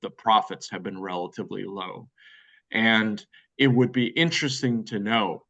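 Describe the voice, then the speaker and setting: A man's voice: on the low side, normal speed, creaky, fairly bright tone, dull audio. An American man answering interview questions at length, thoughtful and hedging, with many fillers and restarts. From United States. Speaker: guest expert.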